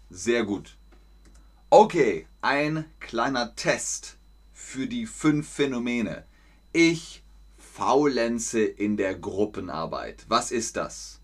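Teaching a German lesson on a stream, a man with a lowish voice speaks slowly and clearly, repeating words for learners and adding lively sounds and laughs.

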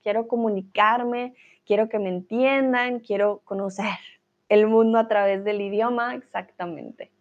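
A woman's voice: mid-range voice, steady tone, a little slow, highs cut off. A woman teaching a live online language class, encouraging her viewers, reading and answering their comments with frequent small laughs. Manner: encouraging, laughs often, says "¿vale?".

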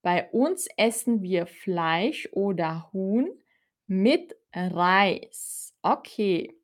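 An animated Austrian German teacher hosts a live-streamed language lesson, deliberately taking it slowly. Her pitch is an ordinary middle, and she speaks clearly, repeating key words for her learners.

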